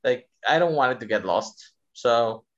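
A man's voice: mid-range voice, animated, a little slow. Enthusiastic man in lo-fi podcast chat. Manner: enthusiastic, restarts often. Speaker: podcast guest. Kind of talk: casual film discussion.

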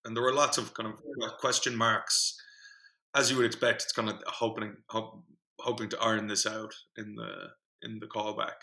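A young man telling a story in a casual podcast chat, rambling and animated, with many fillers and restarts. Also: lowish voice, normal speed, creaky, low-quality recording. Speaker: podcast co-host, singing group organiser.

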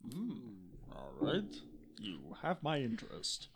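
A man's voice: a little high, huge pitch swings, slow, creaky, noisy background. A man playing a tabletop game, chatting casually with jokes and swearing. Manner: sweary, jokey.

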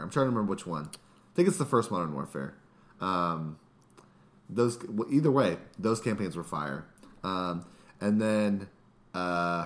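A tired man co-hosting a gaming podcast, excitable and slangy, rambling between topics. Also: low-pitched. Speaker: podcast co-host. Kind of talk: casual gaming podcast chat.

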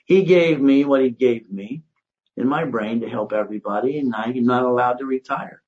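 An older man, a credit consultant, giving an emphatic, preachy motivational monologue that swings between loud and hushed. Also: medium pitch, moderate pace, lo-fi sound.

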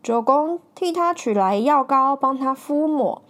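A woman narrates a storybook tale for listeners in a lively, animated manner. Her voice is high, and she slips in small fillers as she reads. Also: measured pace.

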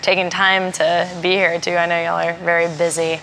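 Thoughtful woman host, lowish voice. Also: level tone, fairly quick, fairly bright tone, slight background noise, rough recording. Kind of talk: casual panel talk.

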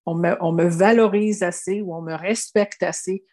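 This Quebec woman in her 70s has a fairly low, darkish voice with a steady tone and normal speed. Being interviewed, she earnestly recounts her life in reflective stories, marked by her Québécois French accent, frequent restarts and repeated "tu sais."

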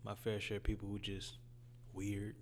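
A young man from Detroit with a raspy voice, talking about his music in a laid-back, casual interview. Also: lowish voice, completely flat delivery, normal speed, slight background noise. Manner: laid-back, loose phrasing with fillers. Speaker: guest rapper.

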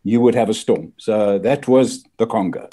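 A man's voice: on the low side, moderate pace, warm tone. A man from Belgium, a guest, telling his memories plainly and unhurriedly. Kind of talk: casual interview.

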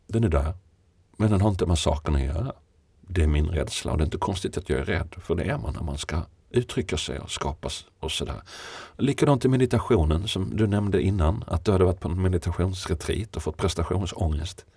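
A man with a very deep, gravelly voice talks things over in a slow, reflective conversation. His tone is husky and the sound is close and dry, with frequent laughter between musing thoughts. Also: darkish tone, no echo. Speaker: poet, podcast guest.

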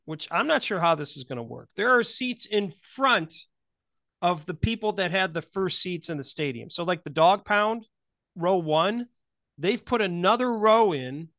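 This podcast host's voice sits high with a sharp tone as he chats casually, asks questions and tells stories. The sound is clean studio audio, close and dry with no room sound.

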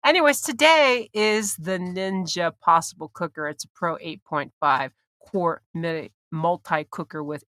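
A woman's voice: lowish voice, pushed and bright, dry recording, studio quality. A woman hosting a podcast in a casual, chatty interview style, with informal asides. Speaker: podcast host. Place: small indoor space. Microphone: headset, small room.

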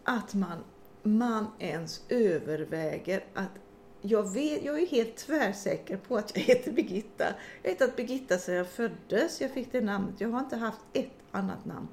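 Middle-aged woman, podcast co-host, lively storyteller who laughs and swears easily. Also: medium pitch, slight background noise. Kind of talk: casual chat and storytelling.

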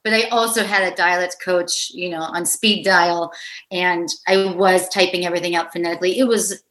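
A middle-aged actress from Pittsburgh, chatting casually in an interview, lively and quick to laugh as she acts out quoted voices. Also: fairly low pitch. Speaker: actress guest.

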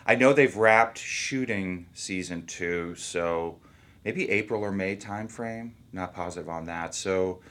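A man who is an actor, talking about his work in a relaxed, rambling interview. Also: sits low, unhurried. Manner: easygoing, rambling, thinks aloud. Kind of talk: casual interview talk.

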